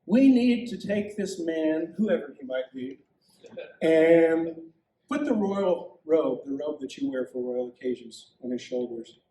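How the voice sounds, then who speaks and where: A male preacher acting out a vain royal official who draws out his flattering words slowly. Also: fairly high pitch, echoey room, far from the mic, poor audio. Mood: scheming.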